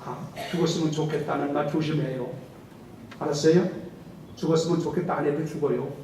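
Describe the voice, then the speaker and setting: Man, preacher, high-pitched voice, lively sermon delivery, faint background hiss. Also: fairly quick. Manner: animated preaching, acts out quoted speech. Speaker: senior pastor. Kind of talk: Sunday sermon. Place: large church sanctuary. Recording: very echoey hall, distant mic, faint hiss.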